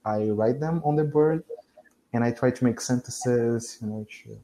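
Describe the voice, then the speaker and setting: A young man who speaks Portuguese as his first language practices English on a video call as a student in casual conversation. He hesitates, corrects himself often and laughs a lot. His voice is medium-pitched and dark in tone, at a normal speed.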